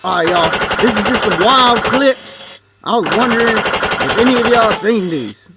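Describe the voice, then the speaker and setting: A man's voice: sits high, animated, measured pace, heavy background noise. A man hosting a livestream, chatting casually in slang while reacting to clips. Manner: loose slangy street talk. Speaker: livestream host.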